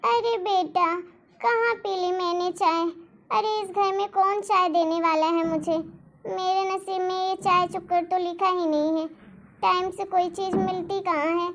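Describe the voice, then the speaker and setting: A woman's voice: very high-pitched, fairly even intonation, unhurried, fairly bright tone, heavily acted. A woman voicing a scheming, complaining mother-in-law in a cartoon story, nagging and blaming. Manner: nagging, complaining, blames others. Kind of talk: animated cartoon voice acting.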